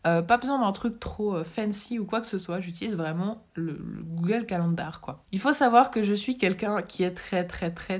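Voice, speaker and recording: A woman's voice: medium pitch, darkish tone. A young woman chatting casually as she gives organization advice straight to her viewers, with plenty of fillers and restarts. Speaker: vlogger giving organization tips. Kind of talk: casual advice talk to camera.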